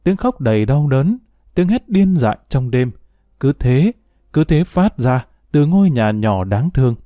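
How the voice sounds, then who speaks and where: A man narrating a dramatic audio story with expressive, emotional delivery. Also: medium pitch, a little slow, no echo, clean studio sound.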